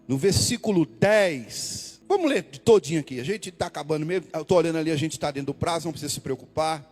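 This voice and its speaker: A man preaching a sermon as pastor, repeating key words and swinging from loud calls to hushed asides. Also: high voice. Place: church hall. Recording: long hall reverb, faint music.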